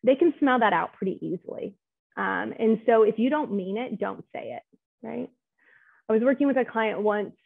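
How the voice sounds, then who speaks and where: A woman's voice: fairly high pitch, expressive, moderate pace, gravelly, no echo. A woman clinical social worker giving a conversational webinar talk, often checking in with "right?". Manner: chatty, keeps asking "right?" to check in with listeners. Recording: tinny phone-like audio.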